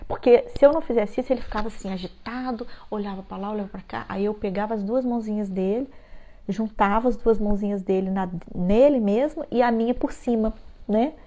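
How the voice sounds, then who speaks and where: A woman with a Brazilian Portuguese accent giving heartfelt advice to parents, stressing key phrases and slowing right down on them. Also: medium pitch, mellow. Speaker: parenting educator.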